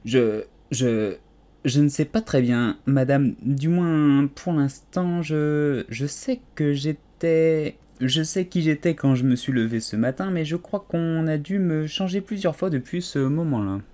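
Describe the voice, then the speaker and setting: A man's voice: fairly high pitch, unhurried, warm tone, pitched above the performer's own voice, lightly acted. A man voicing a shy, polite little girl in an audiobook, stammering and hesitant. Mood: timid. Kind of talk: audiobook character voice.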